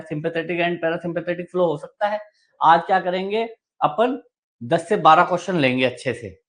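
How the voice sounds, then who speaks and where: Man, exam coaching teacher, raised pitch, online class, repeats key terms, poses and answers questions. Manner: mixes English technical terms into Hindi speech.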